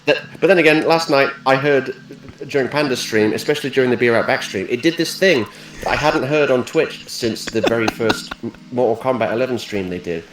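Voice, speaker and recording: A man's voice: mid-range voice, brisk, noisy background. A man co-hosting a livestream in casual chat. He talks in a chatty, joking way, and his mic has a hollow, cave-like echo. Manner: chatty, joking, lively storyteller. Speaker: livestream co-host. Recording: echoey mic, faint music behind.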